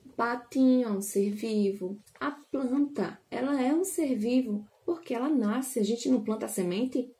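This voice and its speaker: Slow, sing-song Brazilian teacher woman. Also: fairly high pitch, dark tone. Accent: Brazilian Portuguese. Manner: drawn-out, exaggerated syllables with coaxing questions. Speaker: preschool teacher. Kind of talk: slow, sing-song phonics lesson for small children. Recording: roomy echo.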